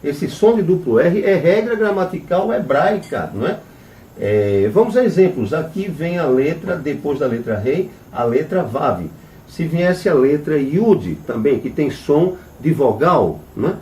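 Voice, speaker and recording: A man's voice: fairly high pitch, expressive, unhurried, a little mellow, slight background noise. A man teaching a religious class as a rabbi. He spells Hebrew letters and vowel marks out one by one, asks "right?" after nearly every phrase, and turns emphatic when he rejects false claims. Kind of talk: religious lesson on Hebrew names. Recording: echoey room, mic at a distance.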